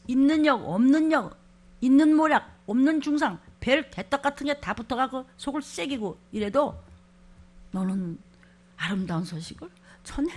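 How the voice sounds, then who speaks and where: Woman pastor, high-pitched, fiery sermon delivery with sudden shouts and quiet scolding. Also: expressive, moderate pace. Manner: swings from quiet asides to shouted scripture, scolding. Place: church.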